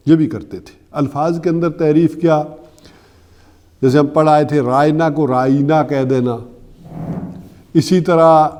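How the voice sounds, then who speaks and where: A man giving a religious lecture, explaining scripture step by step, slowing down to recite verses and asking rhetorical questions. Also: a little high, dark tone. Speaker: Quran teacher.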